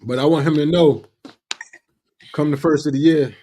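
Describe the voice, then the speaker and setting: A man's voice: on the high side, fairly even intonation, moderate pace, dark tone, slight background noise. A man who hypes up casual banter by repeating his phrases. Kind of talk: casual chat.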